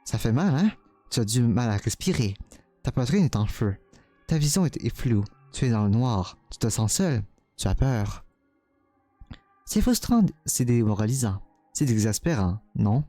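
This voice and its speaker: A man's voice: mid-range voice, big pitch swings, warm tone, no echo, soft background music. A man voicing a cruel, taunting young female witch spirit while reading a game's dialogue aloud. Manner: mocking, teasing, slow and menacing.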